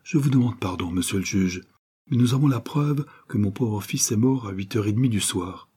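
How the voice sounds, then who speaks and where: A grieving, dignified mother voiced by a male reader, speaking earnestly and composed, only slightly raised from the narration. Dark, husky tone. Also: lowish voice, normal speed. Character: grieving, dignified mother, middle-aged woman.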